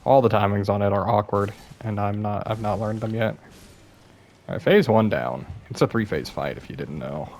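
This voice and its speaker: A man's voice: on the low side, normal speed, darkish tone. A young man giving casual, self-deprecating commentary over his gameplay, sounding a bit worn out and apologizing often. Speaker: gaming YouTuber.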